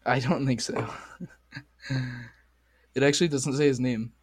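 A man's voice: mid-range voice, measured pace, breathy edge, dry recording. Man with a strained, sore voice. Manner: crude, excitable banter. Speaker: podcast host. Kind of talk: casual chat.

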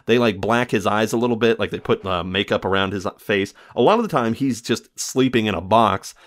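A man talks through an old film in a casual, rambling review. His voice sits a little low. He stumbles, corrects himself and laughs between thoughts. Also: fairly quick. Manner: rambling, lots of fillers and self-corrections, laughs often.

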